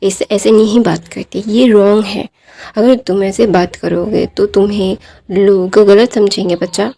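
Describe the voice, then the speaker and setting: A woman's voice: medium pitch, steady tone, a little slow, creaky, warm tone. A woman voicing a young parent who scolds his little boy in a retold storybook tale. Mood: scolding. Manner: scolding, fussing. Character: scolding young father figure.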